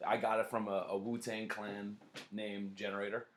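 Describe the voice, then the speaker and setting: Guy hosting a podcast, lower voice, swears a ton, blunt and lively. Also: moderate pace, slight background noise. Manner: profane, blunt and animated. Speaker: podcast host. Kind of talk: casual podcast chat.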